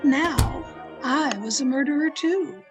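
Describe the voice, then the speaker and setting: Loud music plays behind this high-sitting female voice as an actress narrates, in first person, a secretive woman's crime in a dramatic 1940s radio mystery manner. She sounds tense and brooding with deliberate, suspenseful pacing, all on a noisy home video-call recording.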